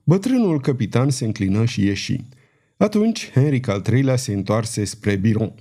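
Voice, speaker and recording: Mellow male audiobook narrator. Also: mid-range voice, big pitch swings. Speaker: audiobook reader. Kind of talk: scripted narration.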